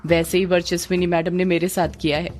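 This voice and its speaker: A woman's voice: lowish voice, level tone, brisk, a little mellow, pitched below the performer's own voice, natural voice. A woman voicing a joking lovestruck village man. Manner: chatty, teasing.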